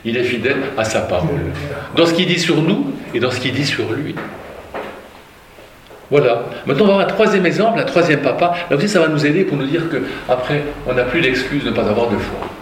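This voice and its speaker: A man's voice: medium pitch, a little hiss or hum. Guy preaching, reads bible verses then asks the crowd stuff, sounds far off in an echoey room. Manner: reads scripture aloud and comments with rhetorical questions. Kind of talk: sermon. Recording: roomy, from far off, faint ambience.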